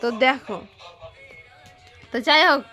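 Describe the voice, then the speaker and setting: A woman's voice: sits high, unhurried, bright, forceful tone, soft background music. A woman vlogging casually, chatting playfully and talking straight to her viewers. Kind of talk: casual vlog commentary to viewers.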